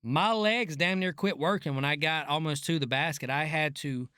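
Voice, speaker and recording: A man's voice: fairly high pitch, moderate pace, bright, forceful tone, smooth, no room sound, clean studio sound. A middle-aged man giving casual, unscripted commentary as a former rig worker, in a folksy, slangy and profane way. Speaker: reaction video host, former oil rig worker.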